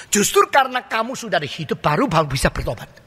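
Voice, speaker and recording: An older male pastor with an Indonesian accent preaches in a large church hall. His high, bright voice rings out with a long reverb behind it. He keeps firing rhetorical questions at the congregation and slips into mock dialogues. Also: sing-song, fast, slightly rough. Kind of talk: sermon.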